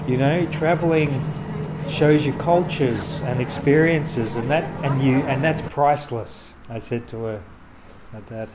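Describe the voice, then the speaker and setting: A man, a street photographer, telling a story to camera in a halting, rambling way, full of restarts and fillers. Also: medium pitch, rough recording. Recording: street noise and traffic behind.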